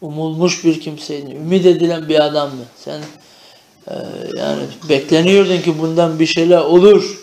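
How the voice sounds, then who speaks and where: A man with a somewhat high, gravelly voice teaching a traditional Arabic grammar lesson. He recites verb forms in rhythmic chanted drills. Between them he explains in Turkish and keeps checking that his students follow. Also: steady tone, normal speed, darkish tone, reverberant, slight background noise.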